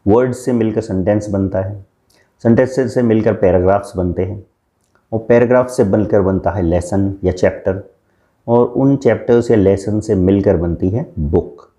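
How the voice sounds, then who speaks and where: A man teaching a language lesson as a coach, mixing Hindi and English and slowing down to read out English definitions. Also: on the low side, dark tone.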